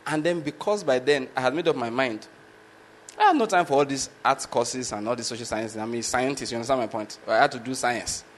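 A medical lecturer from Nigeria, Yoruba-speaking by first language and with a Nigerian accent, speaks briskly at a medium pitch over a slight hiss or hum. Chuckling as he tells a casual story, he keeps asking the listener rhetorical questions such as "you understand my point?"

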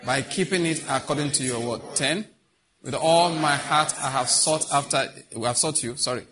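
A man's voice: fairly high pitch, normal speed, a crowd in the background. A middle-aged man preaching a sermon as pastor, emphatic, repeating key phrases and putting questions to the congregation.

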